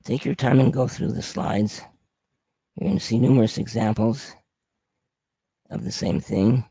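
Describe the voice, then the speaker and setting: A man with a raspy, papery, hoarse voice presenting an informal slide lesson as an instructor, plain-spoken and conversational. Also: medium pitch, fairly even intonation, measured pace, dark tone, dry recording. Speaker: trading instructor presenting a webinar. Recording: dry, muffled lo-fi audio.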